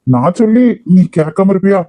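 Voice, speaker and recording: Brief: guilt-tripping Kanyakumari uncle in a cartoon, voiced by a man, high and mellow. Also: expressive, a little fast, no echo. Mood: coaxing. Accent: Kanyakumari Tamil. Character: older uncle, sly and coaxing. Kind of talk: cartoon voice acting.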